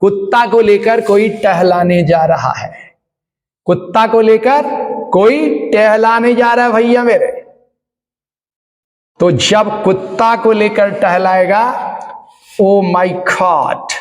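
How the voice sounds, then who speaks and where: A man with a Hindi accent teaching English for an exam, repeating each phrase and translating it into Hindi, with drawn-out exclamations. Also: high voice. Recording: echoey hall with long reverb.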